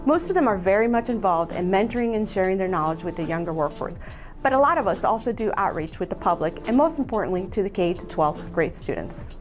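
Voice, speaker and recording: Colombian-born woman engineer reading a scripted message, earnest, mid pitch, faint music under her. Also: animated, fast. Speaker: aerospace engineer. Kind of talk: scripted video statement.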